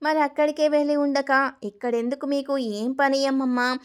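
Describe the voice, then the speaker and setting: A woman reading the part of a sassy, quick-tongued young daughter-in-law in a spoken story. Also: sits high, steady tone, lightly acted. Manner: sassy, mocking retorts.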